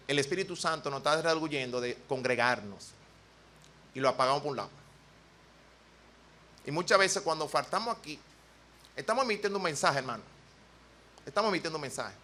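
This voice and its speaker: A man's voice: fairly high pitch, pushed and bright. A man preaching a sermon in a church with a Dominican accent, earnest and folksy, weaving in personal stories. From Dominican Republic.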